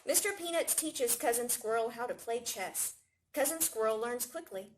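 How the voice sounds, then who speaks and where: A woman reading a picture book aloud to young children in an expressive storytelling manner. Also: fairly high pitch, normal speed, slight background noise. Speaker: library staff storytime reader.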